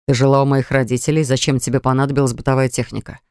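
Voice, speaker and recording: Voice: medium pitch, flat delivery, racing, darkish tone, smooth, no echo, studio quality, pitched below the performer's own voice, lightly acted. A woman reader voicing a young husband who speaks curtly and sternly, in an audiobook story. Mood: cold, stern. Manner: curt, stern. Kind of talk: audiobook character voice.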